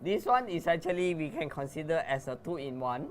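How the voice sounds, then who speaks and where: A woman's voice: low-pitched, sing-song, normal speed, a little hiss or hum. A woman product specialist explaining network storage gear in a patient, matter-of-fact way.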